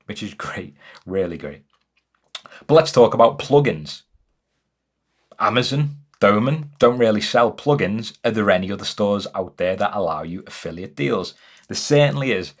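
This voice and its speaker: A young man giving an upbeat, chatty explainer to camera from his home music studio. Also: on the low side. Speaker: music business educator. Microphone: camera-mounted mic.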